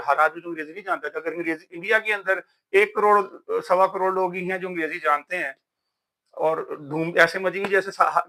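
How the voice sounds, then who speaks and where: Speaking in a high, bright, forceful voice, a man from Pakistan vlogs about books. His casual delivery is emphatic and preachy, peppered with frequent "yaar".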